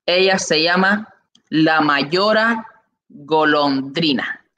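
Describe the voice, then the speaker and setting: A young man with a Cuban accent hosting a live online interview, announcing with enthusiastic, drawn-out emphasis from a room on his webcam. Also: fairly high pitch, pushed and bright. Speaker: host. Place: indoor room. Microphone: webcam, video call.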